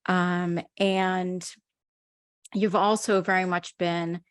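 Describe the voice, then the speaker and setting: This podcast host introduces her guest with earnest, effusive warmth, lingering over every word of praise in a heartfelt interview opening. Her voice is fairly low, her delivery flat and slow, and the clean studio recording carries no room sound.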